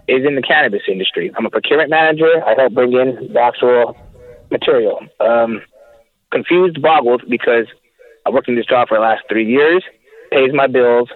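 A man phoning in to a radio show, hesitant and halting as he asks the host his question. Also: mid-range voice, dry recording. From California. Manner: hesitant, halting with many ums. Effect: phone-line caller. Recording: tinny phone line.

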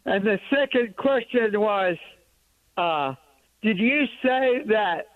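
A man calling in to a radio show over a telephone line. He talks haltingly and searches for words with many fillers. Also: high-pitched, dry recording. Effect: heard over a telephone line. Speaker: radio call-in caller. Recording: tinny dry phone line.

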